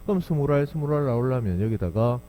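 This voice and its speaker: A man's voice: mid-range voice, lively intonation, brisk, mellow, rough recording. A man teaching a biology lesson, walking through exam problems step by step and often checking with his students. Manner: explains step by step with frequent check-ins to students. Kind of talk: exam problem walkthrough lecture. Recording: faint mains hum behind the voice.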